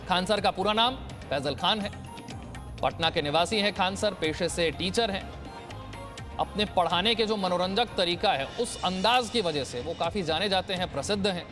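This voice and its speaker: A male news anchor with a high-pitched voice reads scripted narration in a measured, explanatory tone. A clear music bed runs under his voice-over.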